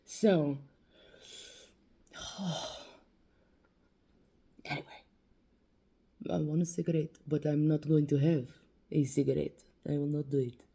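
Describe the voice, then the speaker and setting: A woman's voice: low voice, level tone, moderate pace, dark tone, husky. A young woman vlogging casually about quitting smoking while in facial nerve pain, rambling, swearing and joking at herself. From New Mexico. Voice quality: swearing, rambling, self-mocking. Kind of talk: casual talk to camera.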